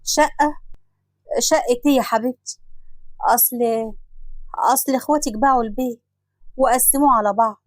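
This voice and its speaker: Egyptian lady playing a tired old mom, soothing and resigned, talking fast. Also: sits high, no echo, lightly acted. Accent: Egyptian Arabic. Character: older Egyptian mother, weary and excusing.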